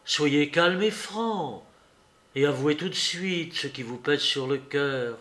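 A proud, hot-tempered young woman in an audiobook, put on by a male reader. She scolds in a sharp, raised voice, pushed up higher than a man's usual tone. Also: slow. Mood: earnest. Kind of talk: audiobook character reading.

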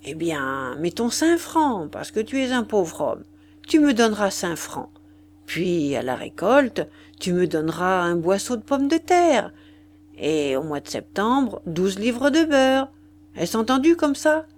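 A woman's voice: mid-range voice, sing-song, a little slow, a little hiss or hum. A woman voicing an irascible, greedy male village vicar who scolds and hurls insults, in an audiobook reading. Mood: bargaining.

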